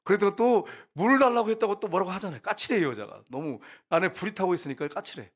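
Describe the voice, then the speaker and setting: A man's voice: high-pitched, lively intonation, fast talker. A man preaching a sermon as pastor, putting rhetorical questions to the congregation.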